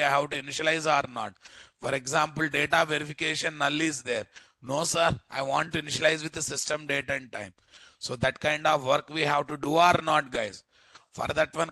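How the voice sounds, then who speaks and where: Bright-voiced Indian male programming instructor. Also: on the high side, creaky, dry recording, low-quality recording. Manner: repeatedly quizzing listeners with tag questions. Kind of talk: live coding lecture to students.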